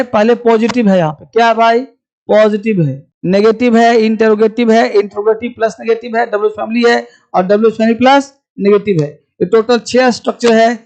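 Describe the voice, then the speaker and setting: High-voiced Indian male English teacher. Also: a little mellow, rough recording. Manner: drills students, slows down for English example sentences. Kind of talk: live spoken English class.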